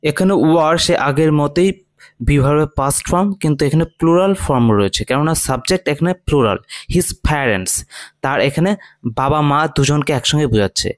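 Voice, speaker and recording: A man's voice: fairly high pitch, no echo. Male Bengali English tutor, dry sound. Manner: reads English phrases slowly, then explains in Bengali; often checks in with "ঠিক আছে?". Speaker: English teacher. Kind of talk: slow line-by-line English reading lesson.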